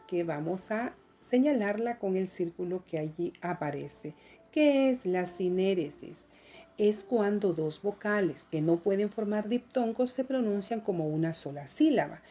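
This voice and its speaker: A woman's voice: mid-range voice, dark tone. Patient woman teaching a remote lesson. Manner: slow and patient, addresses viewers at home. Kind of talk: recorded lesson on poetry.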